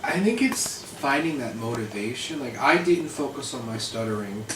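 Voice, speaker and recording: This man hosts a casual chat, speaking in a sing-song, mid-range voice at a moderate pace. He asks questions and occasionally stutters, and the sound is noisy, echoey, and distant from the mic.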